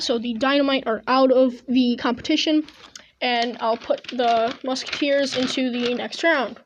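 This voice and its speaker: Woman, high voice, hesitant commentary on a game, chewing gum, earbud mic at home. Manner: rambling, hesitant, many restarts. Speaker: gaming video host. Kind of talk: casual gameplay commentary. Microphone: earbud headset mic.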